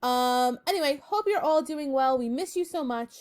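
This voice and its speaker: Young woman teacher, bright-voiced and chatty, upbeat home-lesson delivery. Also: sits high, animated, normal speed. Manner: chatty, upbeat, filler-heavy, addresses students as friends. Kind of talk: casual recorded online lesson.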